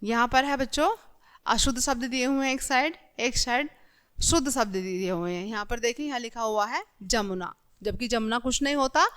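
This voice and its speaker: A woman teacher with a clear, smooth, fairly high voice walks young children through a lesson. She explains patiently, reads examples aloud and corrects them one by one. The voice is recorded close to the mic as a voice-over. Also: a bit bright.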